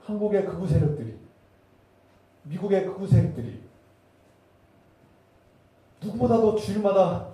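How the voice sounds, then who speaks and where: A male pastor delivers a sermon with fervent, emphatic force, piling up repeated phrases. His voice sits a little high for a man but sounds very dark and muffled. It rings through a reverberant church hall and is heard from some distance off the mic. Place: church sanctuary.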